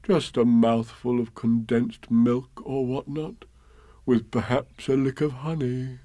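A man voicing a simple, humble bear in a children's storybook, with a plaintive, gentle manner. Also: a little high, no echo, voice pushed up. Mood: dreamy. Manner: plaintive, gentle, slightly slow-witted.

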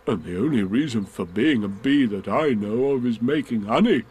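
A man voicing a slow-witted, earnest, honey-loving toy bear in a ponderous, drawn-out, musing way. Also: mid-range voice, lively intonation, darkish tone, slightly rough. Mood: slow pondering.

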